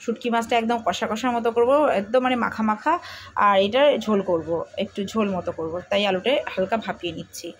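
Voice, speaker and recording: A woman's voice: mid-range voice, fairly even intonation, fast talker, a little hiss or hum. A woman chatting casually to her viewers in a home vlog, walking them through her cooking and errands. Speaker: vlogger. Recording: background music under the voice. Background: music.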